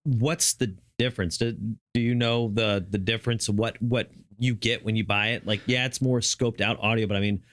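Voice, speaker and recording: Laid-back young man, low and dry. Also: steady tone, normal speed, hardly any pauses, a bit bright, no echo. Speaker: podcast co-host. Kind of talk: casual chat.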